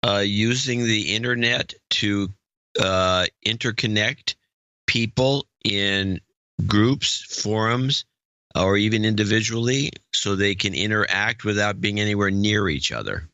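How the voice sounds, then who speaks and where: A man's voice: lowish voice, unhurried, sharp tone, clean tone, no echo, lo-fi sound. A man co-hosting a podcast in casual conversation, giving brief, dry replies. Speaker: podcast co-host.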